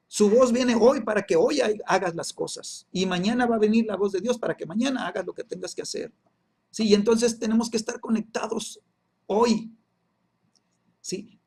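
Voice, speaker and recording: Husky guy teaching bible class, keeps repeating stuff and asking "sí?". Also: high voice, a little mellow. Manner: peppers phrases with "¿sí?" and "¿verdad?", repeats himself for emphasis.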